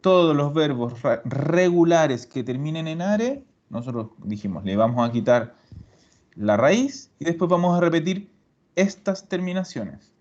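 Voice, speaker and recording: On a dull lo-fi recording, an Italian teacher runs a grammar lesson, explaining step by step and patiently repeating students' answers. His voice is on the high side and darkish, expressive, and a little slow.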